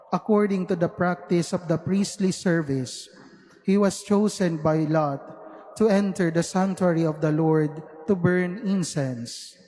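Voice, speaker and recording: Male priest, higher-set voice, solemn slow scripture reading, ringing cathedral echo. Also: mellow. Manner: measured, deliberate phrasing. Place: large cathedral, microphone through sound system. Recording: cathedral echo, long reverb.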